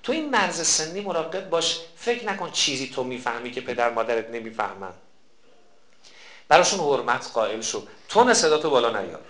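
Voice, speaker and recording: A man giving a sermon on a prayer text, reciting its lines slowly and swinging between soft passages and loud, emphatic pleas. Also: medium pitch, sing-song. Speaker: preacher. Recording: roomy echo.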